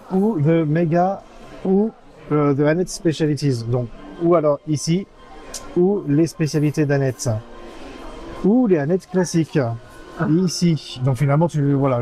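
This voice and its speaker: With faint music in the background, a man with a fairly high, warm voice hosts a casual vlog at an American-style diner. He reads the menu a little slowly, full of hesitant fillers, and playfully, fondly teases his companion.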